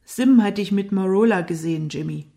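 A woman voicing a blind young man who talks in a steady, measured way, in an audiobook. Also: mid-range voice, lightly acted. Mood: restrained.

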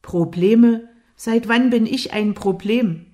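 Woman reading as a loud, jealous young man. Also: fairly low pitch, measured pace, lightly acted. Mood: taunting. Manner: loud, taunting, hostile.

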